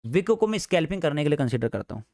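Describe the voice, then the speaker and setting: A man's voice: a little high, big pitch swings, rapid-fire, darkish tone, no echo, studio quality. A man teaching a live trading class in a chatty, teasing way, repeating each point. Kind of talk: casual live class lecture.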